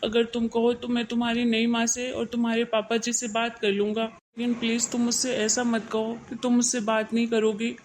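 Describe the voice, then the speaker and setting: An earnest, lovesick young man in a family cartoon, voiced by a woman. He pleads in a fairly high, flat, even voice, with faint background noise. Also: normal speed, hardly any pauses, lightly acted, low-quality recording. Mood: pleading.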